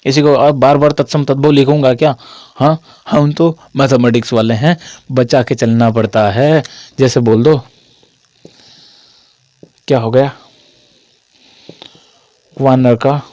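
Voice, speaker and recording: A man's voice: mid-range voice, steady tone, slow, long pauses, warm tone, no room sound. A young man teaching a casual online Hindi grammar lesson, chatty and repetitive, with a sore throat from a cold. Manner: chatty, repetitive, jokey asides to students.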